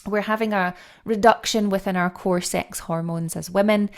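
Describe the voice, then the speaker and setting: A middle-aged woman explaining things step by step as a guest coach in a podcast interview, with lively, animated stresses. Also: mid-range voice, moderate pace.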